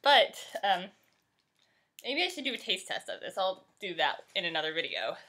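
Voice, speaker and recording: A young woman vlogger with a bright, ringing voice talks to her camera at home. Her pitch bounces up and down a lot as she chats, excitable and a little scattered, sometimes while eating. She sounds like she is picked up by a camera mic in an ordinary room. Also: moderate pace. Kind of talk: casual unboxing chat.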